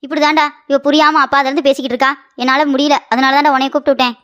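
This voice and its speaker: A woman voicing a sharp-tongued, scolding middle-aged mother-in-law in a cartoon comedy. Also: high-pitched, level tone. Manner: rapid scolding and mocking.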